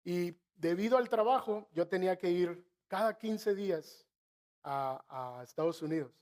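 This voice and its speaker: Earnest Mexican pastor, high-pitched voice. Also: male voice. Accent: northern Mexican. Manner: storytelling with asides to the congregation; slows and softens to stress key phrases. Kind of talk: sermon.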